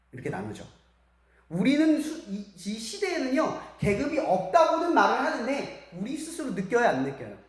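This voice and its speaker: A man preaching to students as a youth pastor, often asking the audience questions and acting out quotes. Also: high-pitched. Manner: lively, asks the audience many questions and acts out quotes. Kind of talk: sermon to students. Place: church worship hall. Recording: echoey church hall.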